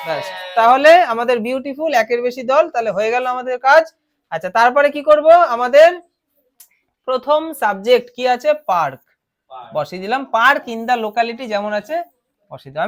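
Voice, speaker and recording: A woman with a Bengali accent teaching a grammar lesson, explaining step by step and asking her students questions. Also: sits high. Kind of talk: classroom lesson.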